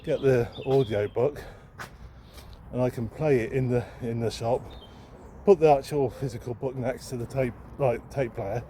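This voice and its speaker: The speaker, a male vlogger who sells second-hand books, rambles hesitantly and unscripted, thinking out loud as he walks outdoors along a town street. His mid-range voice is dark, with fairly even intonation and a moderate pace, set against street ambience and passing traffic.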